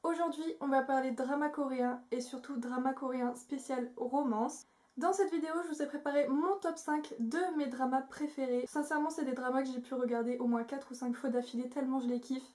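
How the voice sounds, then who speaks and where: A woman's voice: high voice, fairly even intonation, brisk, mellow. A young woman, chatting enthusiastically as she recommends her favourite series, with many fillers. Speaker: video creator. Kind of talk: casual spoken review.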